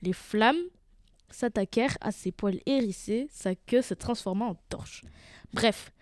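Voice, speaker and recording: A woman narrates a fairy tale with an expressive, animated storybook delivery. Her tone is mellow and warm, and the sound is dry and close. She reads at an even, middle pitch. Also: a little slow, dry recording.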